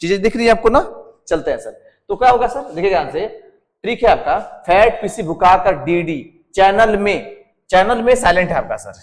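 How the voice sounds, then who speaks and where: A man's voice: high voice, lively intonation, normal speed, big-room sound. Hindi-accented male tutor drilling mnemonics. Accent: Jharkhand Hindi. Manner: drills answers as questions, repeats each term; constantly adds a respectful "sir" to the students. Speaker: exam coaching teacher. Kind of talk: whiteboard lesson with a mnemonic.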